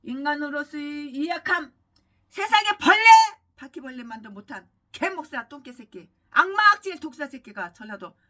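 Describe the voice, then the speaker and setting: Furious high-voiced woman pastor. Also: very animated, moderate pace, few pauses, distant mic. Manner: furious, abusive, swings from shouting to low muttering. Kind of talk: ranting sermon.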